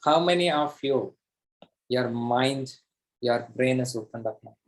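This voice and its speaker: A man's voice: medium pitch, measured pace. A man with an Indian accent teaching a live online class as a coach, pushy and emphatic, repeating phrases for effect. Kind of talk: live interactive teaching, mixing English and Hindi.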